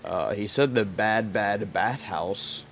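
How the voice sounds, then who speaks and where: A man's voice: fairly low pitch, slow, a bit bright, soft background music. A young man with a lisp giving rambling, joking commentary as he plays a video game. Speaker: let's play commentator. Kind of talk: casual gameplay commentary.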